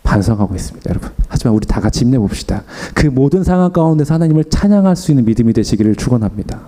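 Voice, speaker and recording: A man's voice: mid-range voice, racing. A young man preaching an afternoon sermon, telling a personal story and acting out what people said. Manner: animated, acts out his own and others' lines.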